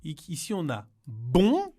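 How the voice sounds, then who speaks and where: A man teaching to beginners, repeating words slowly and explaining in Spanish, patient and clear. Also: fairly high pitch, wildly swooping pitch, dark tone. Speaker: French teacher. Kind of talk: slow, clear language lesson.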